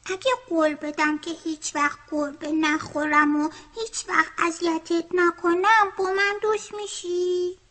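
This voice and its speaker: Lady voicing a cute playful puppy girl, high bright voice, eager and innocent, kids story. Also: fairly even intonation. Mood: sad coaxing. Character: friendly, playful young female puppy.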